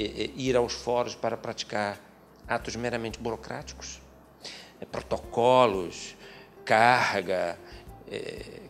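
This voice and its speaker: A middle-aged man, a lawyer, answering interview questions in a small office, speaking in a measured, methodical way with frequent hesitant fillers. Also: medium pitch, a little hiss or hum. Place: small office with bookshelves, indoors. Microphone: handheld interview mic.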